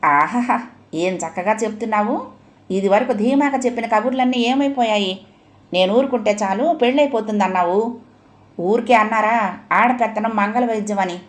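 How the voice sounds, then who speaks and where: A woman's voice: fairly high pitch, moderate pace, lightly acted. Brief: woman doing an irritable, sarcastic middle-aged father for an audio story. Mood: scolding. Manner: sarcastic, scolding.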